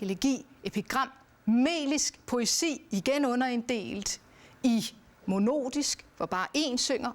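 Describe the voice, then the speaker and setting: A woman giving a recorded lesson on poetry, speaking in a measured way and chanting verse rhythms aloud. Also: on the high side. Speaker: teacher. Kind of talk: educational lecture.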